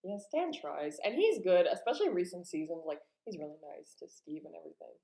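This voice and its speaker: A woman's voice: on the low side, big pitch swings, gravelly, warm tone. Young woman streamer in echoey room. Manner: reads out chat comments, quick opinions. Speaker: streamer, host. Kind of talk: casual stream chat.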